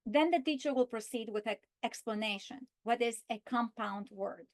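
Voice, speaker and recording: Woman walking teachers through a lesson plan. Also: on the high side. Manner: slow, deliberate delivery, stretching key words when modeling. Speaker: teacher trainer. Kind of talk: instructional walkthrough with modeled lesson script.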